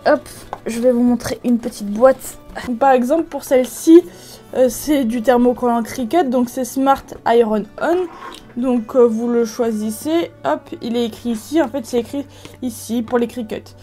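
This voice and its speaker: Chatty French crafter, mellow voice. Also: female voice, fairly high pitch, a little slow, soft background music. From France. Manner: chatty, many fillers and restarts. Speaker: craft video creator. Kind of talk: casual crafting tutorial.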